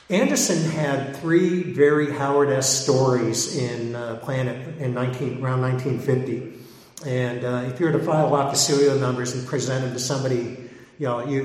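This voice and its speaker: A man's voice: mid-range voice, a little mellow. A man giving an informal talk to an audience as a pulp fiction collector and reprint editor, rambling and digressive with many hesitations. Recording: echoey hall with long reverb.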